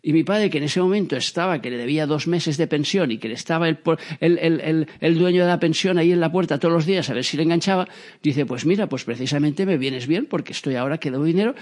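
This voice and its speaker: A guy tells a story about his dad at a very fast clip, his voice slightly high. He's lively, doing little voices to act out the quotes, and he restarts often.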